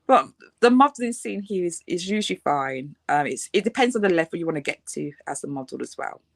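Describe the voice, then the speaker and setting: Chatty British-born woman designer, low voice. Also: expressive, fairly quick, gravelly, no room sound. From United Kingdom. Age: 30s. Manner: chatty, lots of fillers, laughs often. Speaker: fashion designer. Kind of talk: casual interview.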